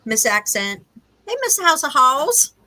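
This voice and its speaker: A woman co-hosting a casual live stream chat from home, chatty and quick to laugh. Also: high voice, very animated, sharp tone. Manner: chatty, laughs often, says y'all. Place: home with cats nearby.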